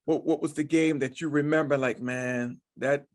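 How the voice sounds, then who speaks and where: Male podcast host, higher register, casual and affirming. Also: fairly even intonation, moderate pace. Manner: affirming, backchannels with frequent "yeah". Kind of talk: casual interview chat.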